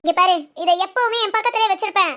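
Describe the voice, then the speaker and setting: ஒரு பெண் நடிக்கும் கணவனிடம் கோபித்துக்கொண்ட இளம் மனைவி, மிக உயர்ந்த குரல், கூர்மையாகத் திட்டும் பேச்சு. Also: female voice, very high voice, fast. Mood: scolding. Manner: sharp scolding, then soft musing alone. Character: young wife sulking at her husband. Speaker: actress in a village family skit. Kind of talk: comic family drama acting.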